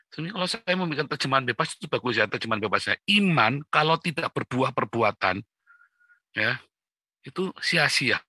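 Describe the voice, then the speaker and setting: A middle-aged man preaching a morning devotional, blunt and forceful, often asking his listeners "right?". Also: medium pitch, husky, no room sound. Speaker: pastor.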